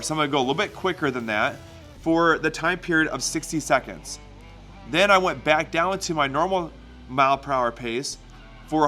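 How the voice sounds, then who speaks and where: A man's voice: a little high, sharp tone. A man talking casually as a fitness vlogger, explaining things in an instructive way and checking in with listeners. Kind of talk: casual explanatory vlog talk.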